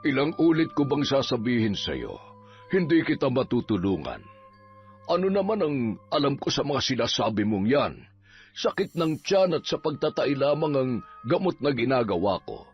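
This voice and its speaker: A man voicing a grumbling, teasing middle-aged village folk healer, gruff and nagging with comic moments. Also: medium pitch, very animated, moderate pace, voice pushed down. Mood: scolding. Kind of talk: Filipino audio drama acting. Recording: dull lo-fi with faint music.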